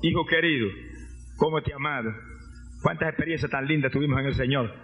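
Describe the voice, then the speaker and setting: Brief: a preacher putting on a devout dying old mother, hushed and gentle. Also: a little high, fairly quick, pitched below the performer's own voice. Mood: tender farewell. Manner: soft, tender farewell. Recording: dull lo-fi recording, faint music.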